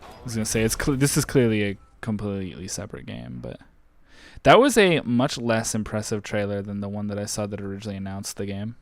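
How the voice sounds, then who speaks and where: A man's voice: on the low side, fairly quick, no echo. A man co-hosting a podcast, chatting casually and often restarting his phrases. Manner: relaxed, self-correcting, restarts phrases. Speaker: podcast co-host. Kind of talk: casual reaction chat.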